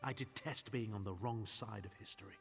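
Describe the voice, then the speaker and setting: A pompous aristocratic chancellor. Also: male voice, on the low side, brisk, creaky, music in the background. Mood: bitter. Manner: pompous, grandiloquent. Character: haughty aristocratic male chancellor, scheming. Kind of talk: video game voice acting.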